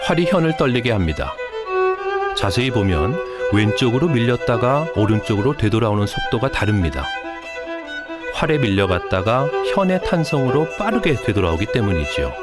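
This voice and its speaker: A man giving calm, explanatory scripted documentary narration as a voice-over. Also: mid-range voice, moderate pace. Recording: voice-over with loud music behind.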